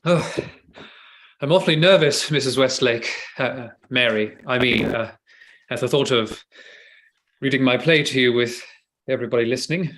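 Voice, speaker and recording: A man's voice: medium pitch, moderate pace, long pauses, a bit bright, a little hiss or hum, close to an everyday voice. A man playing an earnest, nervous poet in a stage play reading, with a hesitant, self-conscious manner. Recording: echoey room.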